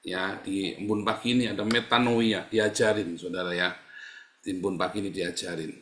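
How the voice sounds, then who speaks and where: A man's voice: low-pitched, steady tone, moderate pace, a bit bright. Middle-aged guy preaching live, repeats himself a lot, echoey room. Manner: preachy, repetitive, addresses listeners as "saudara". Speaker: pastor. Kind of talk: live-streamed sermon.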